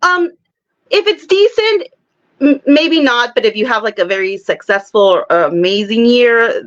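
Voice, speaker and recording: A woman's voice: on the high side, expressive, measured pace, lo-fi sound. A woman talking as a psychic guest in a casual interview, chatty and laughing often as she explains with examples.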